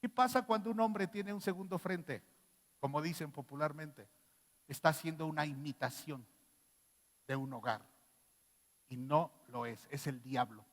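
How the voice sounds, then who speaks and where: A man with a Mexican accent preaching a sermon as pastor, animated and firing rhetorical questions at the congregation. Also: on the high side, a little slow, pauses often. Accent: Mexican Spanish. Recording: long reverb in a church hall.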